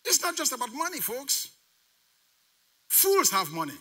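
High, bright-voiced preaching man. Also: very animated, measured pace. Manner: emphatic preaching with call-and-response questions to the congregation; repeats key phrases for emphasis. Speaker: pastor. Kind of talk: sermon.

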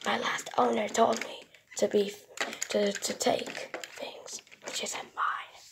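A woman voicing a creepy, deadpan robot servant in a flat, whispered monotone. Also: medium pitch, slow pace, creaky, pitched below the performer's own voice. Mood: menacing deadpan.

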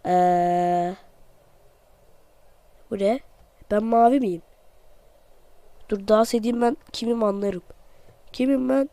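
A playful, excitable male gamer who sounds a bit under the weather. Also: high voice, slow, long pauses, clean tone, no echo. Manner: playful, excitable, jokey, talks to himself while playing; self-mocking. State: voice off from being sick. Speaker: gamer, channel host. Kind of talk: excited let's-play commentary.

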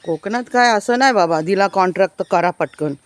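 A woman's voice: medium pitch, brisk, dry recording. Eager woman giving a village walking tour. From Konkan, India. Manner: enthusiastic, keeps urging viewers to look. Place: outdoors in a village, walking between houses. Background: birds chirping.

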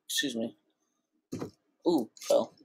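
A teenage boy with a voice that is breaking, casually commentating his own gameplay with excitable, blurting reactions. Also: slow pace. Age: teens. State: voice cracking. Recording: noisy, with mouse clicks.

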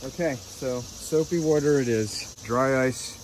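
A man's voice: medium pitch, unhurried, noisy background. A man beekeeper narrating plainly as he works on hives on a backyard deck, recorded on a phone. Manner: plain, matter-of-fact, talking to camera while handling hives. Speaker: beekeeper vlogger. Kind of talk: casual narration while working. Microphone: phone camera held or nearby. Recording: phone recording outdoors with buzzing bees. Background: buzzing bees around.

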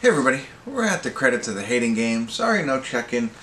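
In a small wood-panelled room at home, a middle-aged American amateur movie reviewer and host gives a casual, unscripted review, halting and rambling and often correcting himself. His medium-pitched voice is very animated and a bit bright. The recording has a roomy echo and faint background noise.

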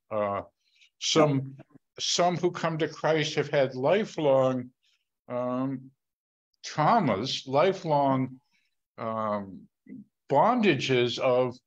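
Earnest higher-voiced man on muffled call audio. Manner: earnest, breaks into praise. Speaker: Bible study guest. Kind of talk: conversational Bible study.

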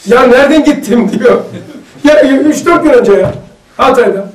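Chatty and full of stories, a religious study circle leader with a very high voice runs an informal lesson and poses questions to the group. He speaks at normal speed, captured from afar in an echoey room.

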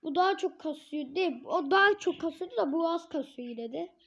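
A hoarse woman giving live gameplay commentary, swearing and yelling at the referee in frustration. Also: very high-pitched, lively intonation, a little fast. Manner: shouts at the referee, curses and rants in frustration. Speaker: gamer. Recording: dull lo-fi recording.

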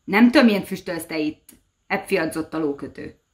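Egy ravasz, gúnyolódó ördög egy mesekönyvből, akit egy nő szólaltat meg: harsány, élénk csúfolódással szól, kissé magasabb hangon. Sértegetve, mégis barátkozva beszél. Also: female voice, fairly low pitch, animated, natural voice. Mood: taunting. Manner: taunting, name-calling, loud outbursts. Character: sly mocking male devil, insulting yet friendly.

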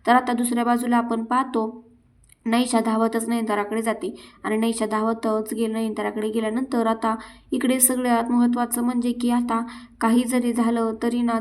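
A woman narrating a TV serial recap in a steady retelling manner with frequent filler words. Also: a little high, moderate pace.

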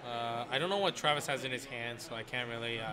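A man commentating a live card game match in a casual, chatty way, agreeing often and sometimes stumbling over his words. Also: medium pitch. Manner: chatty, quick agreeing interjections, some stumbling. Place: game store with crowd behind. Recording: crowd chatter in background.

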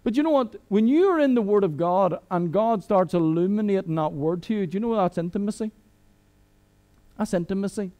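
A high-voiced Irish man in middle age preaching a sermon. He talks to the congregation like friends, mixes jokes into the message and restarts his sentences often. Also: dark tone. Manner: conversational and humorous, with many restarts. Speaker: guest preacher.

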